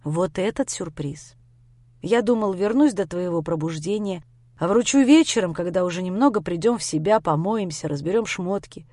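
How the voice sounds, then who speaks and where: A woman's voice: on the low side, expressive, moderate pace, dark tone, no room sound. A woman voicing a young man who pleads with and soothes his upset girlfriend. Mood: pleading.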